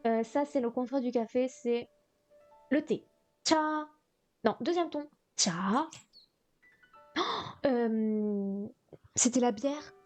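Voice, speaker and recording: A woman revising vocabulary on a live stream, talking slowly in a fairly high voice. She thinks out loud and keeps correcting herself as she goes. Faint music plays under her voice. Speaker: streamer studying Chinese vocabulary. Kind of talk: live-stream study session.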